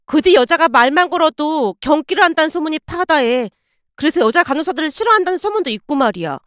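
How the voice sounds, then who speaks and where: A woman's voice: sits high, lively intonation, fast, a bit bright, dry recording, studio quality. A woman voicing a chatty female nurse colleague who passes on gossip in a knowing, confiding tone.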